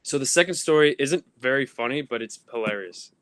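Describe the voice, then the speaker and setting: A man's voice: mid-range voice, lively intonation, fairly quick, noisy background. A young man co-hosting a casual podcast, telling long rambling stories full of ums and laughs. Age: young adult. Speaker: podcast co-host. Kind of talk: casual chat. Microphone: phone.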